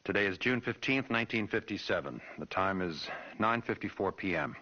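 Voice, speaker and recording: An actor playing a stern, skeptical American police chief who speaks bluntly and officially in a taped game interview. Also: male voice, fairly low pitch, expressive, fairly quick, sharp tone. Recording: dull, muffled old tape recording.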